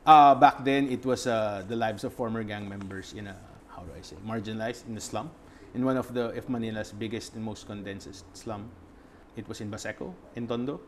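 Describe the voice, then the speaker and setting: A young man, answering interview questions as a guest photographer and pausing often to find his words. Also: on the low side, steady tone, slight background noise. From Philippines. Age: young adult. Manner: reflective, searching for words with many fillers.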